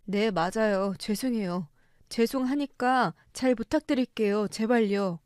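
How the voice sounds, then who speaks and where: A woman's voice: medium pitch, a little slow, a little mellow, smooth, no room sound, clean studio sound, close to an everyday voice. A resentful young adult son answers his father with cold, sarcastic politeness in a story radio drama, as a woman puts him on. His words are curt.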